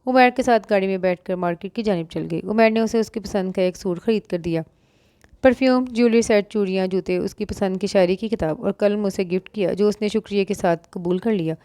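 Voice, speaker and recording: A woman reading a romance novel aloud in steady storytelling narration. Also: medium pitch, fairly quick, clear, resonant tone, no room sound, studio quality.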